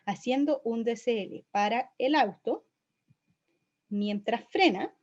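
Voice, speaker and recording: A woman's voice: on the high side, slow, darkish tone. Woman teaching physics, checking in. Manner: explanatory, checks in with frequent "¿sí?". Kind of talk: recorded online lecture. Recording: dull, lo-fi lecture audio.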